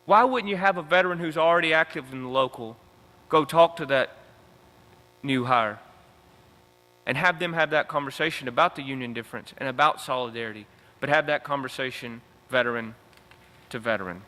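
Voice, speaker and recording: Man, fired-up convention speaker, bright forceful tone, reverberant hall, punchy repeated phrases. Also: medium pitch, fairly quick, long pauses. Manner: emphatic, repetitive rallying cadence. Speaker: union veterans council director. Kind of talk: convention rally speech.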